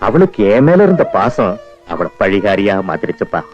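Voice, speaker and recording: A remorseful father in an old film, pleading with a lively rise and fall. His voice sits at a middle pitch, and the dull soundtrack has faint music behind it. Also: a little fast. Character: remorseful older father searching for daughter.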